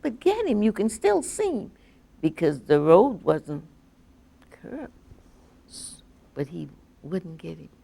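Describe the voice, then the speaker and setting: A woman's voice: deep voice, creaky, a little mellow. An older woman telling stories from her life in an oral history interview, acting out what people said. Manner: vivid, acts out quoted dialogue. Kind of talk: personal storytelling.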